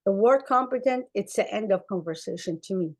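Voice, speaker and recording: An earnest woman from Somalia, whose first language is Arabic, gives a conference talk with slides as a clinician. Her mid-range voice is expressive and fairly quick, and she speaks emphatically, repeating phrases for stress.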